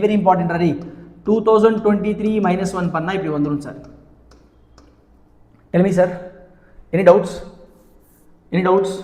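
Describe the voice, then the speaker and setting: South indian guy teaching maths live, high voice, keeps asking questions, super echoey hall sound. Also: a little mellow. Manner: repetitive, interactive, often asking check questions. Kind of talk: live exam-prep lesson, mixing English and Tamil. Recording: very echoey, reverberant room.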